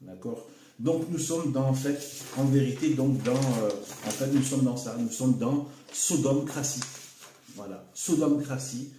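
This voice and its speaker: A man giving an unscripted solo video monologue, halting and repeating words, with frequent fillers like "hein" and "voilà". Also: medium pitch, warm tone, a little hiss or hum. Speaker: video commentator. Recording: echoey room.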